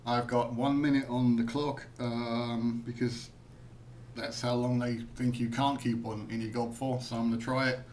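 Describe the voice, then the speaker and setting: A man's voice: medium pitch, level tone, normal speed, a little mellow, slight background noise. A British man in a casual taste-test vlog, eating sour candy and talking through winces and groans. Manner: talks with sour candy in his mouth, wincing and groaning. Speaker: taste tester presenting to viewers.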